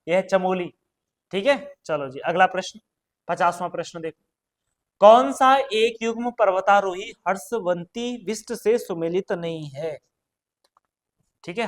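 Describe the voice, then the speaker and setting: An exam prep lesson is taught by a high-voiced man from Uttarakhand, India, who quizzes his students and repeats each question and answer while chatting with them directly.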